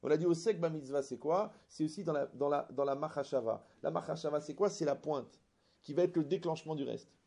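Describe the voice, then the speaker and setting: A man giving a religious lecture to an audience, animated and full of jokes, often asking rhetorical questions. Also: a little high, a little fast, gravelly. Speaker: religious teacher. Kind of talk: lecture with anecdotes and humor.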